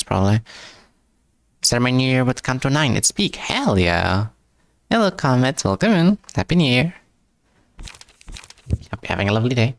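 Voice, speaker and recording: On a live stream, a man with a voice on the low side chats casually in English, not his native tongue. He trips over and repeats words and replies to chat with self-deprecating jokes.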